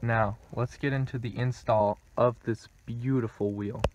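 A young man narrates his own repair job at a slow, easy pace, chatty and thinking aloud as he goes. His voice sits at an ordinary middle pitch, with a faint hum of ambient noise behind it. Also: highs cut off. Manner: relaxed, chatty, thinking aloud while working. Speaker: car DIY video maker. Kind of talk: casual how-to narration.

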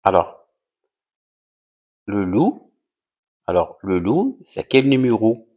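A man teaches a primary-school vocabulary lesson at a very slow pace, saying each word twice with careful, exaggerated articulation. His pitch rises on the key words. The recording sounds dull and lo-fi. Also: very animated, a little mellow.

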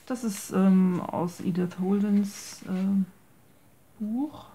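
With a warm, medium-pitched voice and drawn-out words, a woman casually shows a handmade journal she made, seated at a tabletop indoors over slight background noise. German is her first language, so she hesitates, searches for words, and borrows English craft terms.

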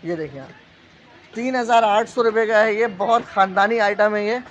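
This live sale video features a high-pitched Pakistani salesman making an unscripted, casual product pitch as he moves along the aisles of an indoor appliance store. He talks at normal speed with a slightly bright tone, echoing prices and stock phrases street-seller style. Recorded on a handheld phone, the audio is dull and lo-fi, with shop noise.

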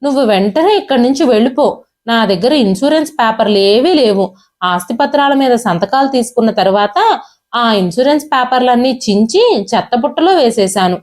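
A woman voicing an arrogant, cruel young man who harshly dismisses his father and shouts. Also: a little high, natural voice. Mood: contemptuous.

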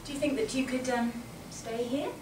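A woman's voice: sits high, fairly even intonation, moderate pace, darkish tone, close to an everyday voice. A woman playing an awkward, patient, anxious grown daughter, hesitant and stammering in a staged play reading. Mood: puzzled, pleading. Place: small indoor stage. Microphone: far camera. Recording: echoey small theatre, distant mic, noisy.

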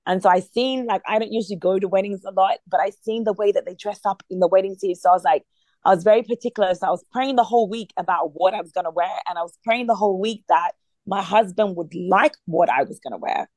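A woman's voice: mid-range voice, fast talker, a little mellow, no room sound. A woman leading a prayer meeting by phone, talking in an earnest, conversational way with many fillers. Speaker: prayer line leader.

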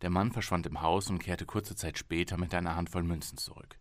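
Low-voiced male audiobook narrator. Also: no room sound, clean studio sound. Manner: measured, expressive reading. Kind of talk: scripted narration. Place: small home studio. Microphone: studio microphone.

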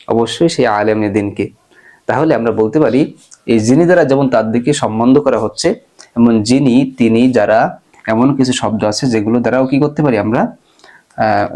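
A man's voice: mid-range voice, dark tone. A man teaching Arabic grammar in an online lecture. He asks his listeners questions and answers them himself, walking through everyday examples. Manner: slows down and gives everyday examples.

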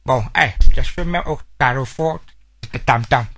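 A man's voice: medium pitch, a little slow, fairly bright tone. A man playing a stammering young man who keeps repeating syllables in a comedy sketch. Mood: pleading. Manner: heavy stutter, repeats syllables.

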